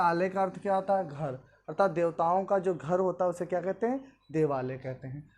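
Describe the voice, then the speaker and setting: Guy teaching grammar, keeps asking "what happens then" and answering it, goes over each step twice. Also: sits high. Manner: asks questions then answers them himself, repeats each step. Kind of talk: classroom grammar lesson.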